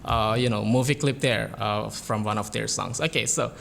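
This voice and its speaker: A man's voice: fairly low pitch, fairly even intonation, moderate pace, vocal fry, a bit bright, slight background noise. Casual podcast host man. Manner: casual, filler-heavy, "you know, like". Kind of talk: podcast interview.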